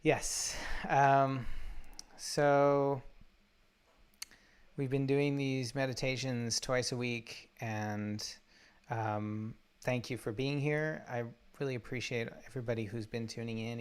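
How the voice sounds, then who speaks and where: A man guides a meditation in a flat, even, mid-pitched voice. He talks haltingly, with many fillers and restarts. He records on a laptop or phone from a spot away from home. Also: clean tone. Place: undisclosed spot while traveling. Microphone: laptop or phone mic.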